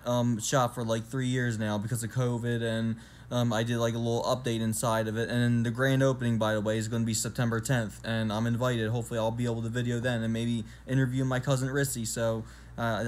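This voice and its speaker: A man's voice: mid-range voice, a little hiss or hum. A young man in his twenties talking casually to his phone camera at home, rambling with many ums and restarts. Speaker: vlogger. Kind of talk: casual vlog talk to camera. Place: indoors, small room at home. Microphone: phone camera at arm's length.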